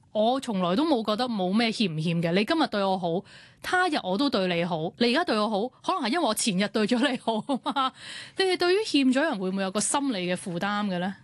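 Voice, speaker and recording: A woman's voice: medium pitch, no room sound. A woman with a Hong Kong Cantonese accent, hosting a casual discussion. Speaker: talk show host.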